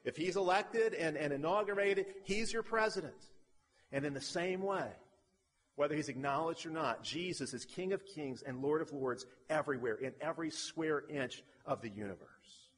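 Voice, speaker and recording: A man's voice: fairly high pitch, moderate pace, husky, long reverb tail. A man preaching a sermon, emphatic, stacking parallel phrases and pressing his point with repetition. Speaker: pastor.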